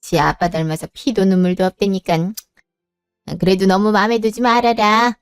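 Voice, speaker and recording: A woman playing a brisk, caring older mother-in-law in a spoken story, firm and scolding yet reassuring. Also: medium pitch, fairly even intonation, clear, resonant tone, no echo, clean studio sound, soft background music, lightly acted.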